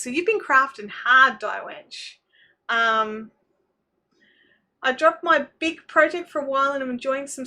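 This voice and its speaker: Bright, high-voiced Kiwi woman chatting casually. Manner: scattered, self-interrupting, thinking aloud, informal slang. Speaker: craft livestream host. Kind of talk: casual chatty livestream while knitting.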